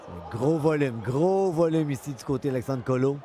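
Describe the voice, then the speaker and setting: A man's voice: medium pitch, expressive, a little fast, dark tone, a little hiss or hum. A man with a Quebec French accent giving live, unscripted boxing commentary, analytical and often repeating his phrases.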